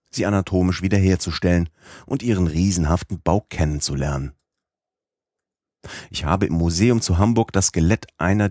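Audiobook narrator: man, very low voice, measured first-person reading, dry close sound. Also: a little mellow, no room sound. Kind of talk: scripted narration.

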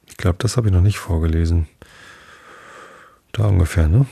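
Low gravelly guy reading a storybook out loud, dry close sound, keeps losing his spot. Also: moderate pace, no room sound. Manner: loses his place, apologetic, restarts lines.

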